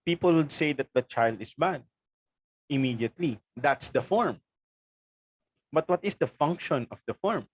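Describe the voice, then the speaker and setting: A man with a Filipino accent giving an online psychology lecture, measured and explanatory, pausing on frequent ums. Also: on the high side, lively intonation, husky. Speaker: webinar presenter.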